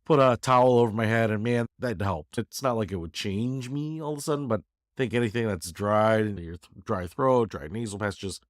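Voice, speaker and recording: A man's voice: lowish voice, moderate pace, no echo, clean studio sound. A man congested from a head cold, giving a casual, rambling update to viewers in a joking, self-deprecating way. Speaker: YouTuber giving a channel update.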